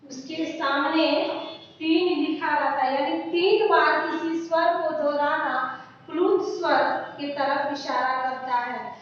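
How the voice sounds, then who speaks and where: High-voiced woman teaching slowly in echoey hall. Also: fairly even intonation. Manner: repeats phrases slowly for dictation. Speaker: Sanskrit teacher. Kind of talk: slow repetitive grammar lesson. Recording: roomy hall, distant mic, dull and noisy.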